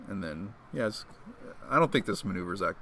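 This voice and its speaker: A man co-commentating live on a tabletop miniatures game in a relaxed, agreeable way. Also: low-pitched, brisk, slight background noise. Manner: relaxed, agreeable, chuckles often.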